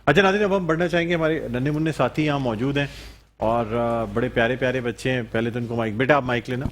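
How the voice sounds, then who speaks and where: A man's voice: mid-range voice, a little hiss or hum. A man hosting a live Ramadan television show, chatting with a guest and children in a friendly questioning manner, full of fillers and repeated affirmations. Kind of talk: live TV chat and interviews. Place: TV studio.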